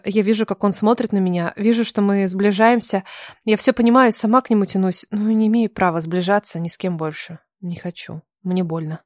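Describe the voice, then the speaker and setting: A woman reading a first-person story as an audiobook, mostly in a subdued, soft voice. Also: mid-range voice, no room sound, studio quality. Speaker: audiobook narrator.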